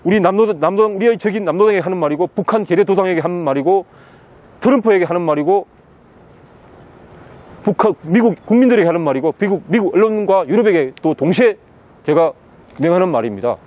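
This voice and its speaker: A man with a notably high voice speaks in an outdoor city interview. He is insistent and drives each point home by repeating key words over and over. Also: lively intonation, quick pace, highs cut off. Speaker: interviewee, political commentator. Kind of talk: impassioned outdoor interview monologue.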